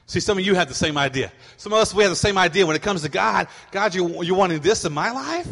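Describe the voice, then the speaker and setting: A man's voice: sits high, fast, vocal fry, big-room sound. A middle-aged man preaching a sermon as pastor, telling stories and acting out his kids' voices. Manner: animated storytelling, acting out voices of kids.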